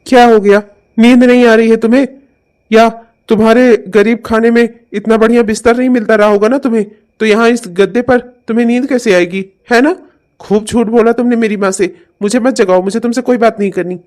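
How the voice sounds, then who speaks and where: Brief: a stern, exasperated young husband, fairly high voice for a man, cartoon comedy. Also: fairly even intonation, a little fast, a little mellow. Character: indignant young husband, honest son. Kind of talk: cartoon voice acting.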